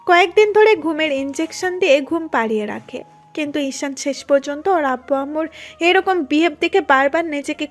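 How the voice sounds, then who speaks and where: High-voiced woman narrating a story.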